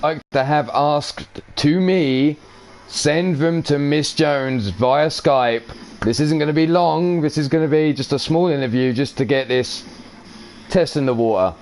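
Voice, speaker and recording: A man's voice: on the high side, a little slow, darkish tone, a little hiss or hum. A man with a brash, profane manner, answering an in-character interview as a wrestler and chuckling now and then.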